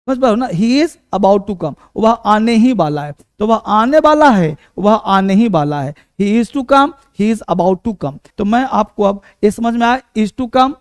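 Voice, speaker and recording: A man with a Hindi accent teaching spoken English in a live online lesson, drilling example sentences and often checking that his students follow. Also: very high voice.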